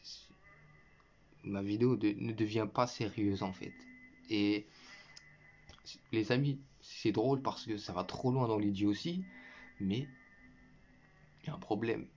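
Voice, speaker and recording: In a mid-range, darkish voice with vocal fry, a man lectures his viewers scornfully in a combative religious commentary. He addresses the listener head-on and slips into mocking laughter. The recording is muffled and lo-fi.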